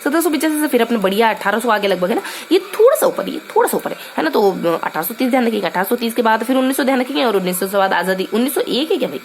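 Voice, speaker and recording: A woman's voice: a little high, animated, rapid-fire, hardly any pauses, a little hiss or hum. A young woman teaching a casual lesson, chatty and playful, thinking aloud with many fillers and memory tricks. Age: young adult.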